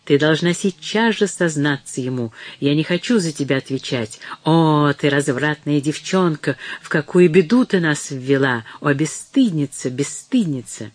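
A male narrator puts on a frantic middle-aged mother from an audiobook, her voice shrill and raised as she screams accusations. The reading is dry and close, with no room sound. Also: animated, moderate pace, no room sound. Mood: furious.

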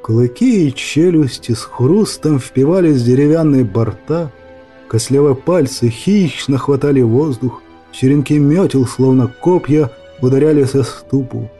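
Casting: male audiobook narrator, very dark mellow tone, dramatic delivery, faint music under. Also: mid-range voice, a little slow, breathy edge. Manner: dramatic, expressive storytelling. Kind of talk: scripted fairy-tale narration.

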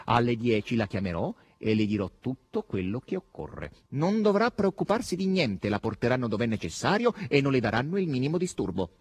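A curt, mocking demon henchman, as a male audiobook reader plays him, swinging from lively jibes to low muttered hints. The delivery is very animated, dry and close, with a husky grain. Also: a little fast, few pauses, no echo. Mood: sardonic. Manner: sardonic, teasing, curt. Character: sardonic male demon henchman, impatient and blunt. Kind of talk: audiobook reading.

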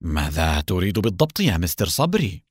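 A man's voice: low-pitched, sing-song, brisk, no room sound, studio quality, voice pushed down, exaggerated voice. A man voicing a sly, cunning male villain in an audiobook. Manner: sly, smooth-talking.

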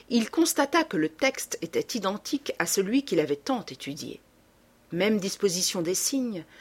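A woman narrating a classic novel aloud, with an expressive, dramatic reading style. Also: medium pitch, breathy edge. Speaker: audiobook narrator. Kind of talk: storybook narration.

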